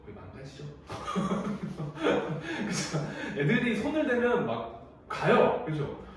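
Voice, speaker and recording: A man's voice: high voice, big pitch swings, slow pace, far from the mic, crowd noise. A young adult man teaching an English exam lesson in a casual, chatty way, laughing often as he tells stories. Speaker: high school English teacher. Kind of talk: casual classroom lecture. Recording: very echoey room, voice from the mic, faint noise.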